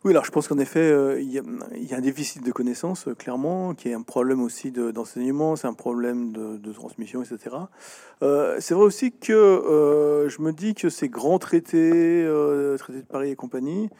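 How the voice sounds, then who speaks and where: A man answering as a guest author in an interview, measured, with hesitant fillers. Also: medium pitch, mellow.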